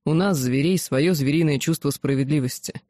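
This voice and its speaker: A reader voicing a blunt, rough-spoken werewolf general, an older man, in an audiobook. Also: medium pitch, moderate pace, a little mellow, dry recording, clean studio sound, close to an everyday voice. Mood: earnest. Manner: plain-spoken, rough, awkward. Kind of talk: audiobook character voice.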